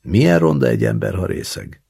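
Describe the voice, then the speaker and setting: A male audiobook reader voicing a teasing, stubborn young woman in dialogue, keeping close to his own deep, husky voice. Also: animated, a little mellow, heavily acted. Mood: mocking. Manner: teasing and scolding. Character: sharp-tongued young woman, mocking and stubborn.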